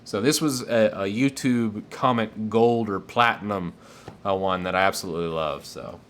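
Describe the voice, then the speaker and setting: A man's voice: on the low side, normal speed, fairly bright tone, slight background noise. Chatty man hosting a tech stream. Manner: enthusiastic, chatty, rambling with fillers. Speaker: tech streamer answering viewer questions. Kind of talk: casual live-stream Q&A.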